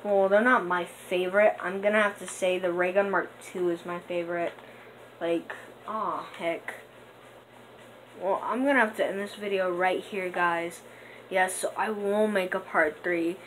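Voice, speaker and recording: A young woman talks through her gameplay slowly and loosely, with a slightly low voice. She wanders between thoughts with lots of fillers. Clear background noise runs under the recording. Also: low-quality recording. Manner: rambling and hesitant, with many fillers; bursts into excited gasps during play. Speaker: gaming channel host. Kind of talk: casual gameplay commentary.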